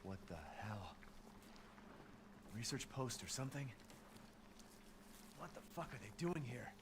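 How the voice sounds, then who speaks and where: A man playing an angry, bewildered survivor hero in a video game, bitterly defiant, with loud game sound behind him. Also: medium pitch, lively intonation, a little slow, heavy background noise.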